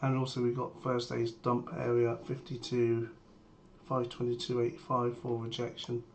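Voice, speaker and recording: Male trader for live market commentary, voice strained by a sore throat, mid-pitched and level, brief and matter-of-fact, faint noise and typing behind. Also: normal speed, vocal fry, highs cut off. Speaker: trader sharing a premarket plan. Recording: steady background noise, keyboard typing.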